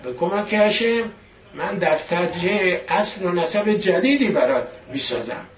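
A man's voice: high-pitched, animated, pitched above the performer's own voice. A man telling a story and voicing an earnest ten-year-old boy comforting his mother, his voice raised and pleading. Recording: echoey room from a distant dull mic.

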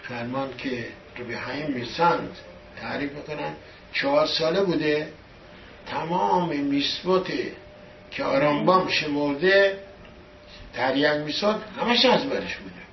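A man giving a storytelling sermon as a religious teacher, pushing key words louder for emphasis. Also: a little high, slight background noise. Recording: echoey room from a distant dull mic.

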